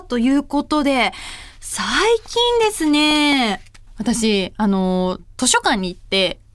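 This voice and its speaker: A woman's voice: sits high, no echo, clean studio sound. A woman hosting a radio show and reading out listener mail in a casual, bubbly way, laughing often. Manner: bubbly and animated, quick to laugh. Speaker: radio host and singer.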